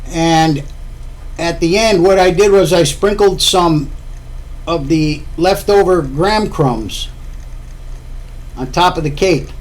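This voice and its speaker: A man from Florida chats about his home cooking for a vlog, rambling and circling back to repeat his points. His voice sits slightly high for a man. The talk is loose and unscripted, like explaining over the kitchen counter. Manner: rambling, chatty, repeats himself. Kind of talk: casual cooking talk to camera.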